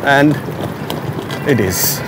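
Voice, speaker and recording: Guy doing a travel vlog on the go, talks viewers thru each step, camera mic, loud traffic noise. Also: medium pitch, very slow. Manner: explains steps to viewers as he goes; strains and groans while lifting heavy bags. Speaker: travel vlogger. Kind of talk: casual travel vlog narration. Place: outdoors, in a car and at a train station.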